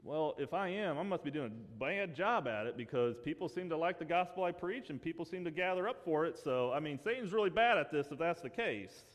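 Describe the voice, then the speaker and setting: A man's voice: fairly high pitch, expressive, brisk, hardly any pauses, in a large hall. A man preaching a sermon to his congregation, talking casually and then building to fervent emphasis. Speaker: pastor.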